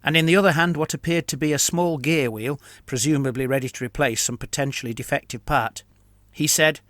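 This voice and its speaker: A man reads a written fantasy story aloud in a measured, even delivery. His voice sits a little higher than usual for a man. The sound is dry and close. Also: dry recording. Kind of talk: scripted narration.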